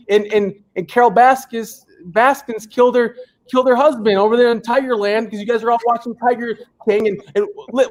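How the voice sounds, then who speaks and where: A man giving a fired-up, rallying motivational pitch to an online audience. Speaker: motivational presenter.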